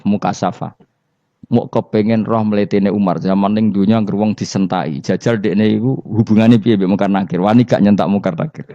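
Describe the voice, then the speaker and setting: Low-voiced Javanese preacher telling stories. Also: male voice, mellow, dry recording. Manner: humorous storytelling, quizzing the audience. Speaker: Islamic preacher. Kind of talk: religious lecture to a congregation. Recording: dull lo-fi recording.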